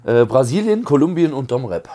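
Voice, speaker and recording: A man's voice: mid-range voice, big pitch swings, brisk, mellow. A man co-hosting a casual cigar review chat, who has a cold, agreeable with short replies. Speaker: podcast co-host.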